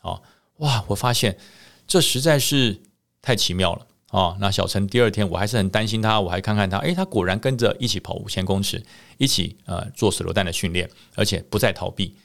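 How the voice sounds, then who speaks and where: A man telling a story on a podcast, a former army officer, lively with many drawn-out fillers. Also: low voice, gravelly.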